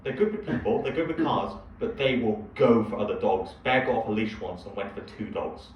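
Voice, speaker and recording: A man's voice: lowish voice, fairly quick. Rambling young man in an echoey room. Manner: chatty, rambling, laughs while telling stories. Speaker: podcast co-host. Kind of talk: casual chat. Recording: echoey, distant, dull sound with faint hiss.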